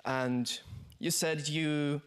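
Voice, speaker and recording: A young man from Hungary asking a question from the audience in a large theatre, speaking into a handheld mic, hesitant and halting. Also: on the high side, steady tone, a bit bright, smooth. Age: young adult.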